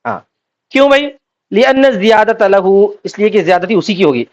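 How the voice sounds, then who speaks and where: A man's voice: high-pitched, animated. A man teaching Islamic law, reading out Arabic text and then explaining it by asking and answering his own questions. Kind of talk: classroom lecture. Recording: dull lo-fi recording.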